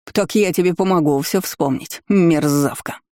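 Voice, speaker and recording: A woman's voice: on the low side, unhurried, dry recording, clean studio sound, lightly acted. A woman playing a spiteful shrieking older aunt. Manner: yelling, spiteful. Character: furious shrill older aunt, noblewoman.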